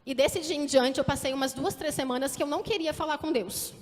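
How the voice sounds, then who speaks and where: A woman's voice: high-pitched, a little fast, darkish tone, slight background noise. A Brazilian woman in her thirties, a teacher, giving an earnest sermon testimony and asking the congregation direct questions. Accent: Brazilian Portuguese. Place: church hall. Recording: echoey hall with long reverb.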